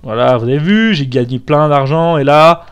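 Chatty young gamer guy, slightly high voice. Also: animated, normal speed, clean tone. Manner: casual, swearing, chatty asides. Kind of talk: let's play commentary.

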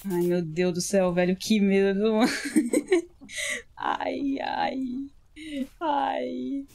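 A woman's voice: mid-range voice, measured pace, a little mellow. A woman talks through a horror game as she plays it. She is jumpy, swears constantly and lets out startled yelps at every scare. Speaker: gamer streamer. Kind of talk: horror game let's play commentary.

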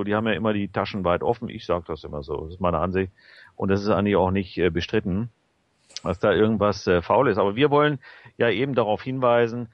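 A man's voice: fairly low pitch, no room sound. A man hosting a radio talk show, speaking casually with many hesitations and fillers. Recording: dull lo-fi sound.

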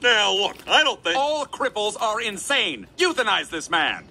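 A man's voice: high voice, very animated, measured pace, vocal fry, pushed and bright, a little hiss or hum, heavily acted. An actor voicing a pompous, bigoted 1950s male doctor in a cartoon, speaking in curt pronouncements. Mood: haughty. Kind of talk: cartoon voice acting.

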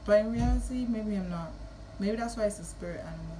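A woman's voice: medium pitch, quick pace, warm tone, slight background noise, poor audio. A woman in her early twenties with a Kittitian-Nevisian Caribbean accent, chatting casually and playfully to camera. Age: early 20s. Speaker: vlogger. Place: small room at home.

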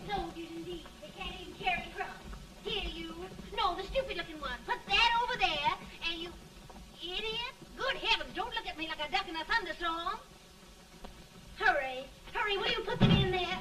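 An actress playing a sharp-tongued, domineering wife who talks in a scolding, imperious way in an early talkie film. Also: female voice, extremely high pitch, lively intonation, fairly quick. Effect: early talkie film sound. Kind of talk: 1930s film acting. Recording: distant, hissy early film soundtrack.

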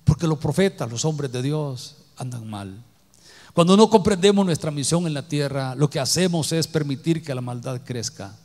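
A man delivers a sermon from the pulpit, rising to loud exclamations and dropping to hushed, low phrases. His voice sits somewhat high for a man. The sound rings out with a long reverb from a church hall. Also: animated, moderate pace. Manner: preaching with wide swings from loud exclamations to low, quiet lines. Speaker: pastor.

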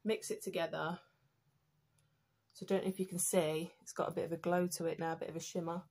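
A young British woman with a fairly low voice talks through her skincare routine at home. Her nose sounds slightly blocked. She chats loosely to camera with frequent ums and self-corrections. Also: little pitch movement, fast talker, heavy background noise. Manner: chatty, many ums and restarts. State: stuffy nose. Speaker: beauty vlogger. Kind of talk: casual skincare tutorial.

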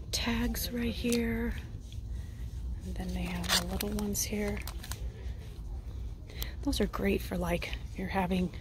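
A woman in her thirties in a whispered role-play, softly pointing out items while walking store aisles with a handheld phone. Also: medium pitch, background noise. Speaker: vlogger. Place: indoor retail store aisles.

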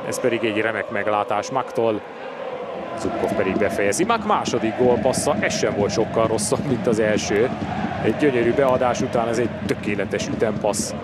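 A man commentating a football match for TV, analysing the play as he goes. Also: on the low side. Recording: loud crowd and stadium noise. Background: loud stadium crowd.

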